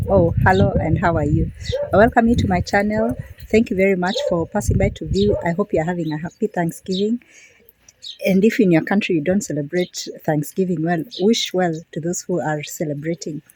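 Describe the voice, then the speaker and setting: On poor audio with no echo, a middle-aged Kenyan vlogger talks in a lowish, slightly mellow, breathy voice with a Kenyan accent. She's walking outdoors in a quiet semi-rural area, chatting casually to her phone camera and often repeating words for emphasis, while birds and crickets sound around her.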